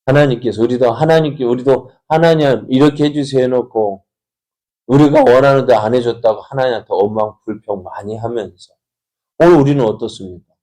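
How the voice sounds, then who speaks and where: A man's voice: mid-range voice, fairly quick, mellow. A male pastor giving an early-morning sermon, often putting rhetorical questions to the congregation. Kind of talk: dawn prayer sermon.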